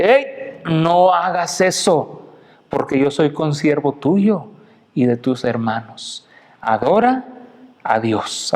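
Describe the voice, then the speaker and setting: A man from Mexico preaching a sermon, animated and dramatic, often asking the listeners direct questions. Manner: animated preaching, acting out quotes with big pitch swings.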